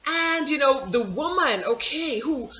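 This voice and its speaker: A vlogger rambles through a casual monologue, restarting sentences and breaking into emphatic, preachy slang. The voice is very bright and sharp. The audio sounds dull and lo-fi. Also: high-pitched, expressive, measured pace, slight background noise. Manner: rambling and digressive, with many restarts and asides.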